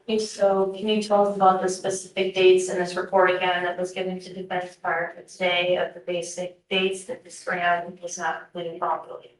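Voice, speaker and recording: A woman's voice: on the low side, level tone, moderate pace, few pauses. A woman prosecutor questioning a witness in court in a formal, methodical way, heard on a courtroom recording. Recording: roomy courtroom recording, far from the mic.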